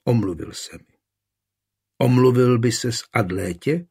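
A man's voice: mid-range voice, vocal fry, darkish tone, breathy edge. A man voicing an older woman, a stern mother who talks firmly and scolds. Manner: firm, scolding.

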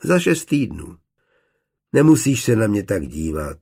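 A man's voice: on the low side, very animated, creaky, a little mellow, husky, exaggerated voice. A man reading an audiobook, voicing an earnest, caring young male student. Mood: concerned. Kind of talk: audiobook character voice.

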